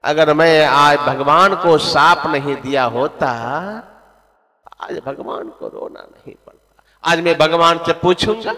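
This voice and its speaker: Man doing a pleading, remorseful old-style sage, bright and high, slow delivery, echoing hall. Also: exaggerated voice. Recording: long hall reverb.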